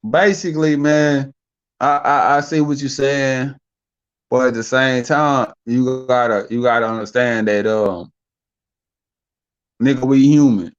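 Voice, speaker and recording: This young man speaks at a medium pitch in a steady tone, a little slowly and with frequent pauses. He is debating casually on a podcast, rambling and repeating words while he thinks through his argument. The audio has a lo-fi quality.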